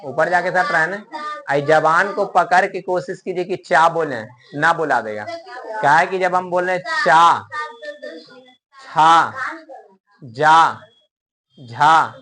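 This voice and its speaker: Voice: medium pitch, pushed and bright. A grammar teacher giving a lesson, sounding out letters one by one and answering their own questions. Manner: repeats syllables and asks questions then answers them.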